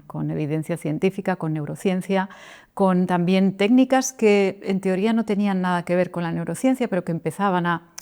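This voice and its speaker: Middle-aged woman vocal coach, lowish voice, reflective guest. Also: a little mellow. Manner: thoughtful, with frequent restarts and tag questions. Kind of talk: interview guest.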